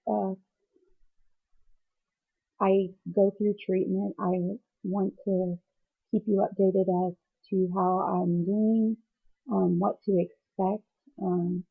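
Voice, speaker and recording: A woman records a personal video diary as a patient, speaking hesitantly and teary, as though she has just been crying, while she searches for words. Her medium-pitched voice is gravelly, husky and narrow, and the audio sounds tinny.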